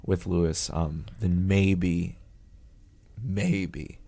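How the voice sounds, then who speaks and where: A man with a very low, deep voice talks in easy, laid-back chat as a podcast co-host. He laughs often and repeats his partner's phrases back. The sound is close and dry. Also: fairly even intonation, extremely slow, vocal fry, warm tone, dry recording. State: recovering from a cold. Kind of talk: casual chat.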